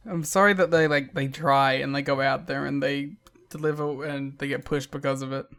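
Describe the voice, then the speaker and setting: A man's voice: mid-range voice, flat delivery, normal speed, fairly bright tone. A man co-hosting a podcast in casual chat, with sarcastic, mocking interjections. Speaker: podcast co-host.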